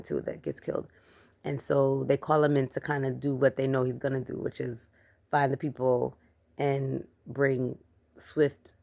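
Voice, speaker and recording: A woman giving a chatty, emphatic review of a movie in a casual vlog, growing animated as she rants. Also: very deep voice, vocal fry. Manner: chatty, emphatic, gets animated when ranting. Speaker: film reviewer.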